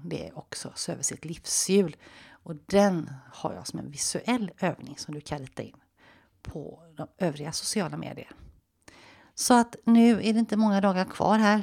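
A woman life coach hosting her own podcast, talking straight to the listener in a conversational coaching tone and guiding a visualization, sometimes dropping to a hushed half-whisper. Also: on the low side, vocal fry. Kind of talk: solo podcast monologue with guided visualization.

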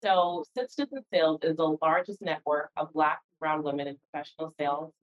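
A woman's voice: low voice, steady tone, a little fast. A woman answering interview questions as a guest in a conversational way, recorded with dull, lo-fi call audio. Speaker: interview guest, organization founder.

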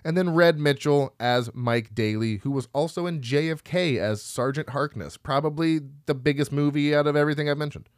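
A man's voice: fairly high pitch, fairly quick, hardly any pauses, no room sound. Male podcast co-host, casual and self-mocking, trips over names, dead-dry booth sound. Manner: rambling, laughs at himself, stumbles over names. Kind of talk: casual chat reading film credits.

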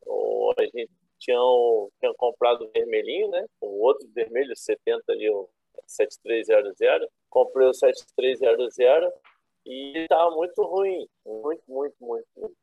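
A man in his thirties with a Rio de Janeiro accent chats in loose, slangy Brazilian Portuguese. His voice is creaky and rough, and it comes through a narrow, phone-like connection as he rambles through casual stories. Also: mid-range voice, normal speed. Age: 30s. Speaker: guest, classic car owner. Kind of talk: casual storytelling chat. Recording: roomy, thin phone-like internet call.

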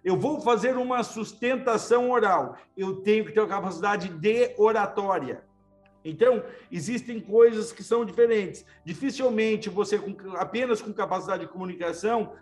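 A male lawyer with a high voice thinks aloud in short, restarting phrases during a relaxed, casual conversation. Soft music plays faintly behind him.

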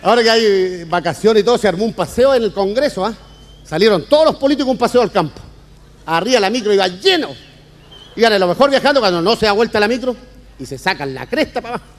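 A man with a Chilean accent doing stand-up, telling rapid slangy jokes and acting out every character. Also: high-pitched, expressive. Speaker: stand-up comedian. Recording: echoey hall with faint ambience.

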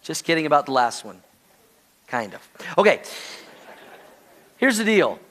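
A middle-aged man delivers a sermon as pastor, his voice sitting a little higher than most men's. He preaches with emphasis, repeats key lines, and calls out questions to the congregation. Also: big pitch swings, a little slow, fairly bright tone.

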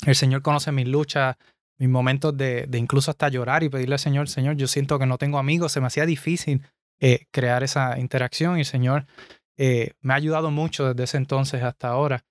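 As co-host of a casual podcast, a young adult man from Puerto Rico speaks earnestly with a Puerto Rican Spanish accent. His mid-range voice is steady and fairly quick, recorded in studio quality with no echo.

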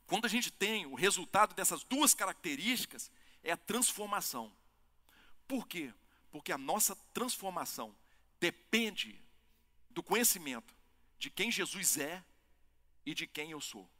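A male pastor preaches with fervor, his high, bright voice climbing to loud peaks and then dropping low for emphasis. The sound carries a long reverb, as in a church sanctuary. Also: very animated, measured pace, pauses often. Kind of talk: sermon.

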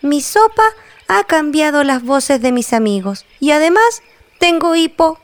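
A woman voicing a small, fretful boy wizard in a storybook tale, speaking high and anxious. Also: very animated, a little slow. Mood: dismayed.

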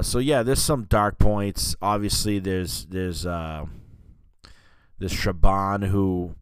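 A man talks through a movie in a loose, rambling monologue, full of fillers and restarts. His voice sits very low and comes across smooth and clean. The recording is dry and close, with no room sound. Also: dry recording. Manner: rambling, lots of fillers and restarts, says dude and you know what I mean. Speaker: podcast host reviewing films. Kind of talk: casual film review monologue.

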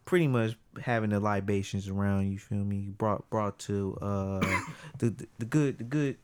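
A man's voice: on the low side, unhurried, smooth. Teasing slangy man on a podcast. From San Francisco Bay Area. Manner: teasing, profane slang, laughs often. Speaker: podcast co-host. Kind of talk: casual chat.

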